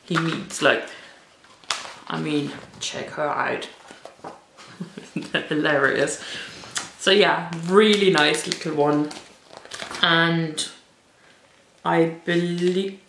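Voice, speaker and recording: Woman, casual vlog chat, informal, self-deprecating, medium pitch, creaky edge, echoey room. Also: drawn-out words, long pauses, noisy background. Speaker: children's book reviewer. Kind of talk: casual vlog-style book recommendations. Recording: roomy, echoey indoor sound.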